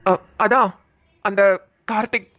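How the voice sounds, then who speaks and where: A woman's voice: medium pitch, fairly even intonation, bright, forceful tone, no echo, studio quality. A woman voicing a young man, a shy childhood friend who hesitantly confesses his love. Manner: hesitant, halting speech.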